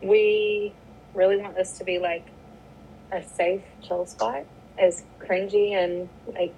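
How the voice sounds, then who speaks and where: A woman's voice: mid-range voice, steady tone, takes it slowly, warm tone, slight background noise, low-quality recording. Chatty woman from New York. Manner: rambling, filler-heavy, friendly. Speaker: podcast co-host. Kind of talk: casual chat.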